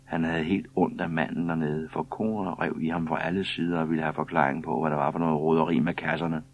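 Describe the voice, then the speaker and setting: A man narrates a children's story in a calm, even way. His voice sits very low and a little husky. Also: narrow, tinny audio. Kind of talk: scripted children's story reading.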